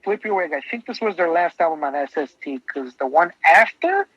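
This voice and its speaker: Man, podcast co-host, higher-pitched and eager, dry and dull lo-fi sound. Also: lively intonation, fairly quick, no echo. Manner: enthusiastic, rambling with restarts. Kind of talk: casual music discussion.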